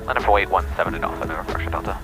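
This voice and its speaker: Sex: man. Role: pilot. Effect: voice heard over the aircraft radio. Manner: clipped, very fast readbacks, very low voice. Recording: clear music underneath. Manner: clipped radio phraseology, reads back clearances. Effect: pilot talking over the aircraft radio. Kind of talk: radio calls to air traffic control.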